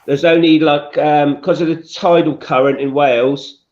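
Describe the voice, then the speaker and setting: A man with a fairly high voice and a London Estuary English accent chats casually on a live stream. He explains things haltingly, often rephrasing as he goes. The audio is somewhat dull and lo-fi. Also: steady tone, darkish tone. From Scotland. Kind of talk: casual chat.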